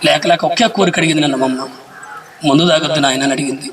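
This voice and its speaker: A man's voice: a little high, fast, natural voice. A man voicing a grown son who solemnly keeps a vow to his mother, in a sermon story. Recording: distant mic, noisy hall.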